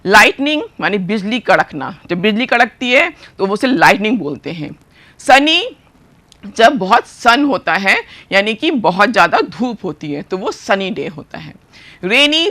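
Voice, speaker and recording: A woman with an Indian accent teaching a primary school class, explaining words slowly and spelling them out letter by letter. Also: mid-range voice, fairly bright tone. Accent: Indian English. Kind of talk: bilingual classroom lesson.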